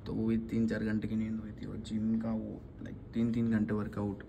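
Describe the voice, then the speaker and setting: A man's voice: lowish voice, completely flat delivery, a little fast, creaky, lo-fi sound, background noise. A young man in his twenties, vlogging casually to a phone held at arm's length, chatty and loose, trailing off tired. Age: 20s. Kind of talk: casual vlog chat. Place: in a car, then a gym. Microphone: phone camera at arm's length.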